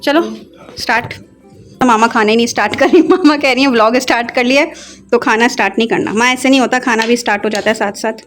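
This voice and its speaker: A young woman vlogging in a casual, chatty way, telling family stories and turning soft and wistful when she remembers. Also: on the high side, quick pace, faint music behind. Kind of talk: casual vlog chat.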